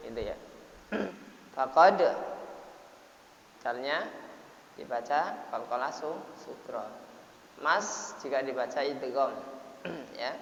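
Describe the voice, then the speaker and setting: A man teaches Quran recitation in a slow, unhurried way, breaking his explanations into short phrases. He stretches words out at length to model them and clears his throat often. The recording is dull and lo-fi, with a long hall echo. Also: medium pitch, expressive, fairly bright tone. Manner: explains in short broken phrases, then drawls words slowly to demonstrate. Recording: echoey, hissy, dull lo-fi room recording.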